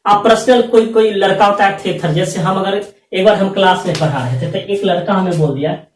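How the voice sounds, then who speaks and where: A man's voice: high voice, a little fast, soft background music. A man teaching math at a board, asking rhetorical questions and repeating them. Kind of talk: classroom lecture at a board. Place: classroom with a whiteboard. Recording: echoey room, speaker far from mic.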